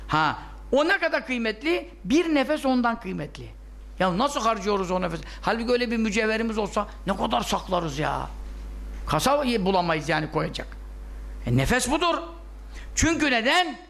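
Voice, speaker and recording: Male religious teacher, very high, bright voice; scolds and answers his own questions. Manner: scolding, fires rhetorical questions and answers them. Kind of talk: religious lesson talk.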